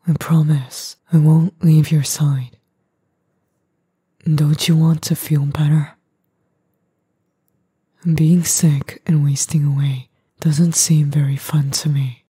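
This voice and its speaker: A woman voicing an edgy young boyfriend, gruff but tender and worried, in a breathy, husky, halting ASMR role-play. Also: low voice, little pitch movement, dark tone, no room sound, clean studio sound, exaggerated voice. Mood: gently insistent.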